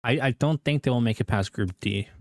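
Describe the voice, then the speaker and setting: A man's voice: medium pitch, brisk, no echo. A young American man with a rambling, self-correcting way of talking, giving casual esports predictions as a video host.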